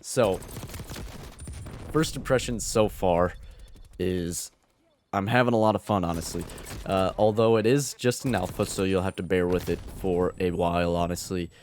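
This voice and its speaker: A man with a fairly low voice talks through his gameplay in a relaxed, chatty way. His voice still sounds groggy from the early morning. A faint hiss sits under the recording. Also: normal speed. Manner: easygoing, chatty. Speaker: gaming video creator. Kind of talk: gameplay commentary voice-over.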